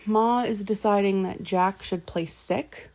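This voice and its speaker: A woman's voice: medium pitch, fairly even intonation, a little slow, darkish tone. A woman casually retelling a novel's plot as a vlogger, rambling with lots of fillers, backtracking to correct herself and swearing offhandedly. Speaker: book vlogger.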